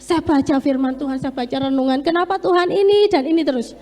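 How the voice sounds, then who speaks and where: A woman's voice: high voice, fast, dark tone. A woman giving an earnest, emphatic testimony in a church sermon. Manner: earnest, emphatic, slips into Javanese words. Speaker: lay preacher. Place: church hall. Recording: echoey church hall with long reverb.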